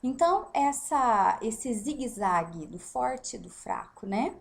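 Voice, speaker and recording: A woman's voice: on the high side, lively intonation, slow pace, creaky. A female Brazilian Portuguese teacher giving a recorded lesson, explaining step by step with rhetorical questions and checks for understanding.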